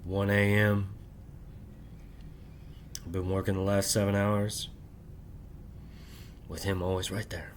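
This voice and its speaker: Deep-voiced and slow, with little pitch movement and frequent pauses, a middle-aged channel host delivers a rambling late-night monologue to camera over a little hiss or hum. He tacks "right?" onto nearly every thought and keeps quiet so his family won't wake.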